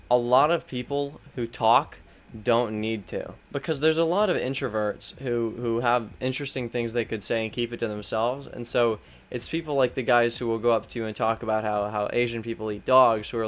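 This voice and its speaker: A man's voice: mid-range voice, fairly even intonation, moderate pace. A young man telling a true story in a casual, rambling way, swearing and poking fun at himself. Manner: rambling, profane, self-deprecating.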